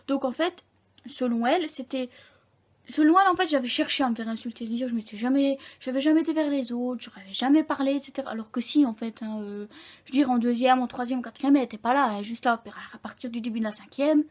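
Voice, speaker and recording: A young woman vlogger telling a personal story to camera in a candid, halting way, often correcting herself mid-sentence. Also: sits high, darkish tone.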